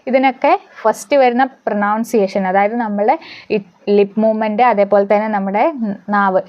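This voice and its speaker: A woman teaching English letter sounds, asking questions and answering them herself, repeating example words slowly. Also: medium pitch, steady tone, dull audio. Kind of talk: phonics lesson.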